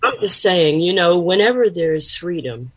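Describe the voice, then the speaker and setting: A woman guest on a talk show, speaking conversationally and haltingly as she searches for words. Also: fairly low pitch, expressive, a bit bright, poor audio. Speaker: guest, pastor and counselor. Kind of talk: conversational interview.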